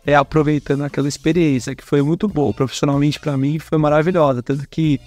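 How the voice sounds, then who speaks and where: A man's voice: on the high side, little pitch movement, fast talker, a little mellow, faint music behind. A man from Brazil talking casually and with enthusiasm, giving direct advice to young people at a career fair. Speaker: guest speaker at a career fair. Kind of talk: casual conversational talk.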